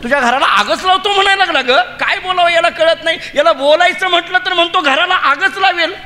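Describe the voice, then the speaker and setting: A man's voice: very high voice, a little fast, pushed and bright, in a large hall, voice pushed up. A male preacher voicing village milkmaid women who complain, laughing and exasperated.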